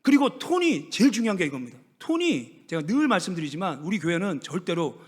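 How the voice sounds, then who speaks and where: A male pastor delivering a sermon in an animated, humorous way. His voice sits high and swoops widely in pitch as he acts out little exchanges. The sound carries a long reverb from the church hall. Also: fairly quick, husky. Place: church sanctuary.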